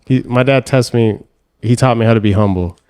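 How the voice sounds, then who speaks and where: A young man from Hawaii hosting a podcast, telling animated stories and acting out voices and sounds. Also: mid-range voice, brisk, smooth. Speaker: podcast host. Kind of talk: casual storytelling chat.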